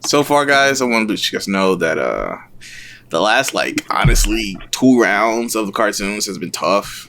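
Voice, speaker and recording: Animated young man hosting a podcast. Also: lowish voice, slight background noise. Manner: animated, joking, teasing. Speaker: podcast host. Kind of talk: casual chat.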